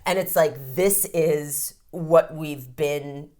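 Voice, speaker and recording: Woman, fifties, low-pitched, frank, reflective, podcast interview guest. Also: slow pace, darkish tone. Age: 50s. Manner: frank, reflective, casually swears. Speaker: codependency counselor and ceremony guide.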